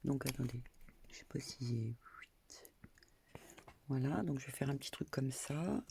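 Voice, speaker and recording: A grandmother chats her way through a crafting tutorial at home as a crafting vlogger, rambling with many hesitations and small asides. Her voice is extremely low, creaky and mellow, at a measured pace, with faint background noise and clicks.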